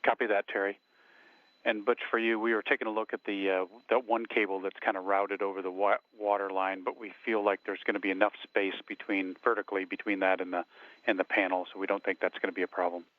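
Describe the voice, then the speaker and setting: A man's voice: on the low side, level tone, fast talker, dry recording. A man in mission control giving technical advice over a radio link. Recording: dry, phone-like radio link.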